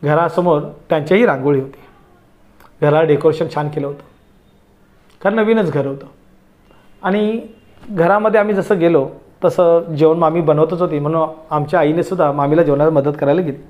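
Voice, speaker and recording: A man's voice: fairly high pitch, fairly quick, long pauses, highs cut off. A man teaching students how to write essays, talking to them directly and asking them rhetorical questions. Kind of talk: essay-writing lesson.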